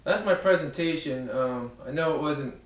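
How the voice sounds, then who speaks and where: Echoey, halting man with a Brooklyn accent. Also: a little high. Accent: Brooklyn, New York. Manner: halting, self-deprecating, repeats words. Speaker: student presenter. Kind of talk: informal amateur video presentation. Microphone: camcorder at a distance. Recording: echoey room, distant muffled camcorder microphone.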